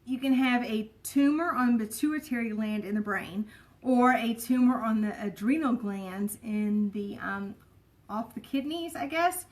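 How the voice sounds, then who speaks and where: A woman talks in a loose, rambling way, full of fillers and little asides. Her voice sits a touch high. It sounds like an easy, unscripted home vlog chat. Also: a little slow, darkish tone. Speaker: vlogger. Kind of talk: casual chat.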